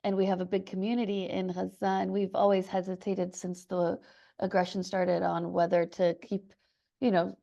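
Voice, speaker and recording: A woman's voice: fairly low pitch, vocal fry, mellow. A woman hosting a webinar interview, steering the talk with organized questions. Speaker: host. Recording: dull lo-fi call audio.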